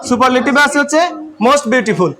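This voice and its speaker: A man's voice: very high-pitched, expressive, fast talker, bright, forceful tone. A man with a Bangladeshi accent teaching English grammar to a class, asking questions and repeating the answers.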